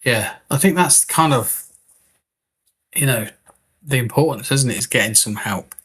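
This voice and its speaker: A chatty man hosts a live stream, his voice husky and somewhat breathy at an ordinary middle pitch. He greets viewers one by one and reads their messages aloud in a relaxed, conversational way. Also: a little slow. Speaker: medium and live-stream host. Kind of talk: casual live-stream chat.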